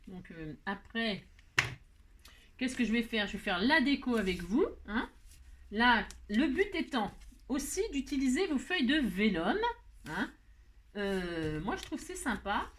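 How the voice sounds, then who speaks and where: Chatty woman with a playful, lively voice. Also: a little high, unhurried. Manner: chatty, playful, talks to herself while working. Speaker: crafting tutorial host. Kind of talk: casual craft tutorial talk.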